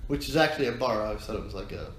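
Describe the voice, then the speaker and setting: A man's voice: medium pitch, rapid-fire. A man, co-hosting a podcast, telling a long, rambling story in casual chat with many restarts. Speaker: podcast co-host. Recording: echoey room, faint noise.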